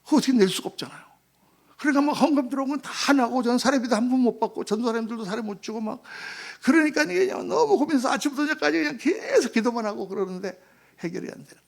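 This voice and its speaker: A male pastor delivers a sermon with a high-pitched voice and a gravelly rasp. He tells stories animatedly and slips into the voices of the people he describes. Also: quick pace. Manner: animated storytelling, acting out quoted voices.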